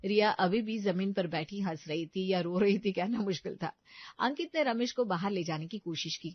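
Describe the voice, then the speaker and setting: Expressive woman storyteller, dry sound. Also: medium pitch, normal speed, no room sound, muffled recording. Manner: lively and expressive. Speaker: narrator. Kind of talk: storybook narration.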